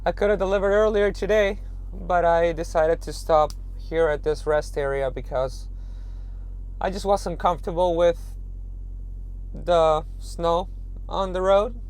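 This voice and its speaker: A man with a hoarse, raspy, nearly lost voice, talking casually to viewers as a trucker vlogger. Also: sits high, steady tone, unhurried, a little mellow. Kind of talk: casual vlog talk to viewers. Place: truck stop rest area, then inside truck cab.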